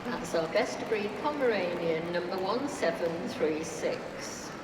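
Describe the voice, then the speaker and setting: A woman's voice: lowish voice, animated, measured pace, noisy background. Distant woman announcing in an echoey hall. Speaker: ring announcer. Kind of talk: public announcement.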